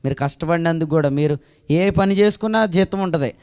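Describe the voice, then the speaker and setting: A man's voice: a little high, brisk, clean tone. Emphatic preaching man, echoing hall. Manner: preaching with rhetorical questions to the congregation; emphatic, swinging between loud declarations and soft asides. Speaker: pastor. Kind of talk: Telugu sermon. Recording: long echo of a hall.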